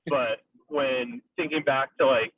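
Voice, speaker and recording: A man's voice: mid-range voice, slow pace, no room sound. A young man calling in over a car speakerphone while driving, asking a rambling casual question full of filler words. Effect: car speakerphone call. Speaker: caller. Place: in a moving car. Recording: tinny distant phone line.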